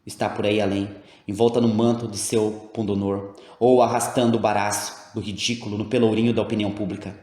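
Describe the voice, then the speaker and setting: A man's voice: lowish voice, little pitch movement, a little fast, a little mellow, roomy sound, close to an everyday voice. A man reading a proud, tormented queen. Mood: bitter. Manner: grand, old-fashioned formal speech. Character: proud anguished woman, a secret queen.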